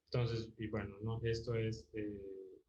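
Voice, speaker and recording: An online music theory teacher speaks slowly and flatly in a fairly low, dark-toned voice, patiently explaining, filling pauses as he thinks, and frequently asking tag questions. The dull, roomy lo-fi recording carries a little hiss or hum.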